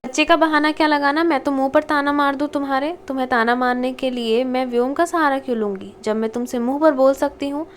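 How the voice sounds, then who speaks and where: Sharp-tongued young mother in an audiobook romance, curt and scolding, read by a woman; fairly high voice. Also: steady tone, brisk, few pauses, slight background noise, natural voice. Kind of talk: audiobook character reading.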